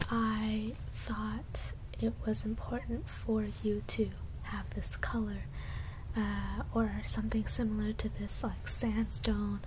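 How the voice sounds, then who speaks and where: A woman doing a whispered role-play as a personal shopper, gently presenting clothes to a client in a soft, breathy voice. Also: fairly high pitch, slight background noise, rough recording.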